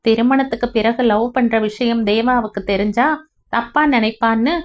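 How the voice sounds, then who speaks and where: Woman voicing a teasing young wife, higher pitched, playful and fond, for an audio novel. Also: steady tone, moderate pace, natural voice. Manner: teasing, affectionate.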